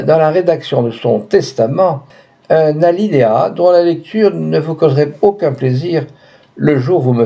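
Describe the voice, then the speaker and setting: A man's voice: a little high, gravelly, mellow. A man doing a cynical, haughty kept woman. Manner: cool, haughty, bargaining. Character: scheming cynical kept woman, young adult. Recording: dull lo-fi audiobook recording.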